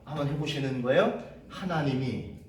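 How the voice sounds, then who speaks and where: A man's voice: medium pitch, expressive, normal speed, crowd noise. A male pastor preaching a sermon, telling a story in a conversational way and asking the congregation rhetorical questions. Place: church sanctuary. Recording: echoey hall from far off, faint hiss.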